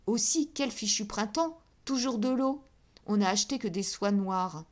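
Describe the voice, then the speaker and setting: A woman's voice: medium pitch, lively intonation, moderate pace, voice pushed up, close to an everyday voice. A woman voicing an irritated heavyset male department head who talks brusquely and grumbles. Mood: annoyed.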